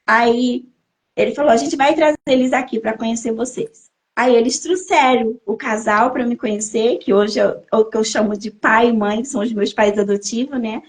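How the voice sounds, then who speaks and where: A high-pitched woman in her thirties shares her personal testimony as a podcast guest. She tells the story with strong emotion and comes back to key phrases again and again to drive them home. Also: moderate pace.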